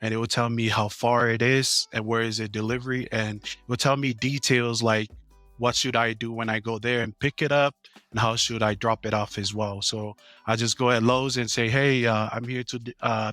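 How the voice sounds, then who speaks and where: A business owner in his thirties from American Samoa answers interview questions casually, loose and halting, with many fillers as he talks through his work. His medium-pitched voice is bright and forward. It's recorded close and dry, with no echo and faint music underneath.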